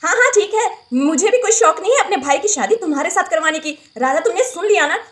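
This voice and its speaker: A woman's voice: very high voice, lively intonation, quick pace, a bit bright. A woman voicing a greedy, haughty in-law in a doll story, talking scornfully and bossily. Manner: scornful, bossy, dismissive. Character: greedy, haughty older sister-in-law demanding dowry.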